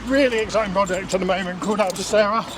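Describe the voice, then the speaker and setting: A man with a high-pitched voice answers interview questions casually as he runs along. He is recorded outdoors in an urban setting, with clear noise around his voice. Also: steady tone, very fast. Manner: talking while running outdoors. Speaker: interview guest. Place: outdoors in an urban area, on the move.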